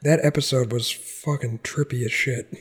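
A man's voice: mid-range voice, fairly even intonation, normal speed, slightly rough. Chatty male podcast co-host. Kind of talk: casual chat.

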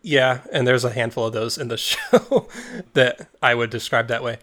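A man's voice: medium pitch, moderate pace, a bit bright. A man hosting a casual podcast, chatting loosely. He rambles and restarts his sentences often, trailing off as he explains. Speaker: podcast host. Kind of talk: casual chat.

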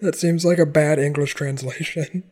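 A man co-hosting a podcast in casual chat, explaining things in quick, chatty bursts. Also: fairly high pitch, fairly even intonation, darkish tone. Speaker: podcast co-host.

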